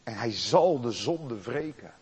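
A man preaching a sermon, slow and solemn, swinging from loud stress to a near-hush. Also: mid-range voice, lively intonation, crowd noise.

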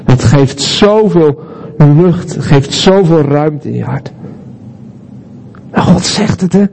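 Man, preacher, high voice, mellow tone, emphatic repetition, rhetorical questions. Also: expressive, slow pace, gravelly, a little hiss or hum. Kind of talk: sermon.

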